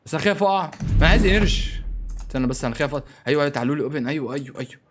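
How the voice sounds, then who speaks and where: This young Egyptian man talks fast and jumpy, his fairly high voice leaping up and down as he commentates a shooter game. He panics easily and begs his teammates for help. A faint hiss of game noise sits underneath. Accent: Egyptian Arabic. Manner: excitable, panicky, pleading with teammates. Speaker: gaming streamer. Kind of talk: live mobile game commentary.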